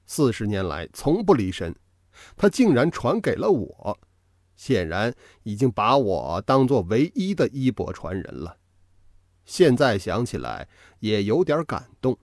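A man narrating a novel as an audiobook reader, telling the story with dramatic, expressive delivery. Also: medium pitch, dry recording, clean studio sound.

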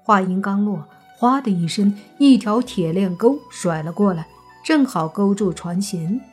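A woman narrating a scripted historical story in a measured, expressive way. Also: mid-range voice, breathy edge, soft background music.

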